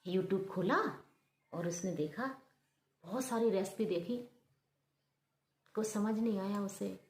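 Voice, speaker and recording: A woman narrating a story in an expressive, sympathetic storytelling manner. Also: mid-range voice, slow pace. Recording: roomy echo.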